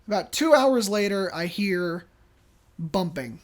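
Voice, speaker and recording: A podcast host casually telling a work story, animated and chatty, acting out the people in it. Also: medium pitch, takes it slowly. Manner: chatty, many fillers and restarts.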